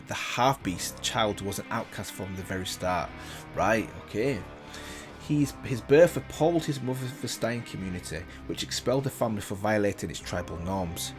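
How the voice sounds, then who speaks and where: Speaking at a medium pitch, a man reads a story aloud for his reaction video. His delivery is casual, with slips and self-corrections, and he comments on the story while reading.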